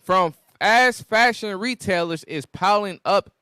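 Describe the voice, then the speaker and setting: A man reading news aloud for a group discussion, somewhat halting, with casual asides. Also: high voice, bright, forceful tone, smooth, dry recording, clean studio sound. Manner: halting reader, stumbles over words. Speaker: article reader on a group discussion show.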